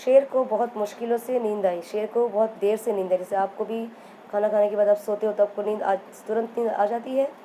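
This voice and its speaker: A woman's voice: medium pitch, steady tone, brisk, mellow, a little hiss or hum, rough recording. A woman teacher telling a story to young children, repeating lines and asking them questions as she goes. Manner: repeats and quizzes the listeners.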